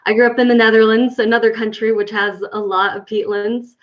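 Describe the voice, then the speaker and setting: A woman's voice: fairly high pitch, flat delivery, brisk. Hesitant woman scientist on a muffled call. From Finland. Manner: hesitant, many restarts and fillers. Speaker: guest scientist. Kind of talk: webinar panel talk. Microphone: video call. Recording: dull lo-fi video call audio.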